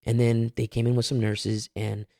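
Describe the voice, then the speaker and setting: A man's voice: medium pitch, little pitch movement, moderate pace, gravelly, mellow, no room sound, clean studio sound. A man telling his family's story as a guest, candid and rambling, with a few self-aware laughs. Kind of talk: casual personal storytelling.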